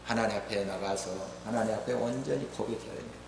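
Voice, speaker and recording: A male pastor preaching a sermon, passionately, rising to forceful exhortation and dropping to hushed pleading. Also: quick pace, gravelly. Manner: impassioned, swinging between raised exhortation and hushed pleading. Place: church sanctuary. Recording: echoey hall with low hum.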